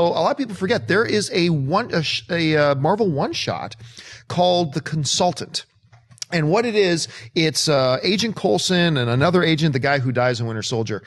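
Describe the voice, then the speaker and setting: A man hosting a movie news chat, explaining a theory earnestly and at length. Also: a little high. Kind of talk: casual panel chat.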